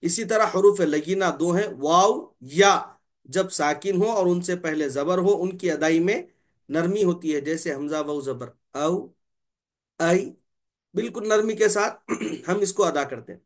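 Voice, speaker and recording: A man teaching a tajweed lesson on Quran recitation. He demonstrates each letter sound slowly, repeats it, and often clears his throat. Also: high-pitched.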